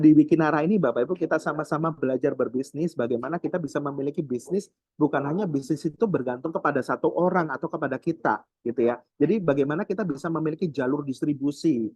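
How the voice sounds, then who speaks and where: A man's voice: on the high side, no echo. A man from Surabaya presenting a business opportunity over a video call, constantly addressing his listeners and adding filler tags. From Surabaya, Indonesia. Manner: keeps addressing the audience, many filler tags. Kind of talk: sales pitch on a video call.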